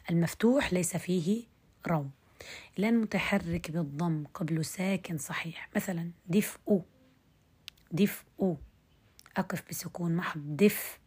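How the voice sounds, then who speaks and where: A woman teaching recitation rules in an online lesson, explaining step by step, checking that students follow, and reciting example words slowly to show them. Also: on the low side, warm tone, husky. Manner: explains step by step, checks understanding with quick questions.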